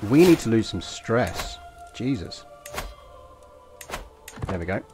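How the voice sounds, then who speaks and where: A man's voice: on the low side, sing-song, slow, over music. A man from East London with an English accent, giving rambling, anecdotal live-stream commentary on a strategy game and swearing casually.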